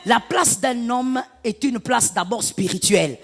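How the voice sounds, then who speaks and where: A middle-aged woman pastor delivering a sermon, animated and half-singing some phrases, breaking into shouts. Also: on the high side, a little slow, creaky, big-room sound. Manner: animated preaching, lapsing into sung phrases and shouts.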